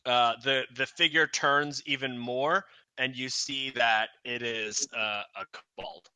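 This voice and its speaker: A man's voice: mid-range voice, fairly even intonation, takes it slowly, sharp tone, clean tone, no echo. A man narrating as game master in a tabletop game, hesitant and full of fillers.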